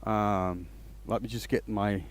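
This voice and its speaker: This woodturning livestream host from Denmark talks at a slow pace in a low-leaning, steady voice. He greets viewers casually while working, rambling and starting his sentences over.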